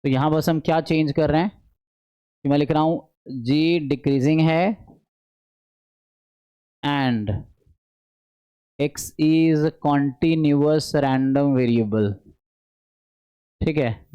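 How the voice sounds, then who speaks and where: A man giving an online statistics lecture, explaining step by step, often checking in with the class and slowing down to dictate formulas. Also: on the high side, clear, resonant tone, muffled recording. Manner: mixes English math terms into speech; slows to dictate formulas aloud. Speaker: statistics teacher.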